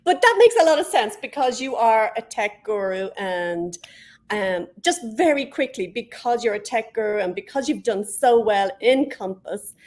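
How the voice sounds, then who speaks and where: Enthusiastic woman host, higher voice. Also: lively intonation, moderate pace, a little mellow. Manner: enthusiastic, laughs easily. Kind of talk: video call interview.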